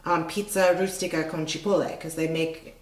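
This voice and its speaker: A woman's voice: sits low, steady tone, moderate pace. Chatty middle-aged woman, echoey room. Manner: chatty, rambling, lots of fillers. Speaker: restaurant owner. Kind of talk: casual interview conversation.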